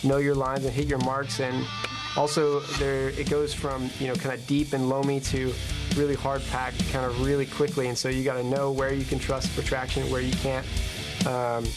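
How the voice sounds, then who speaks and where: A man, a motocross racer, answering casually in an interview clip and thinking aloud in halting phrases. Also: medium pitch, monotone, over music.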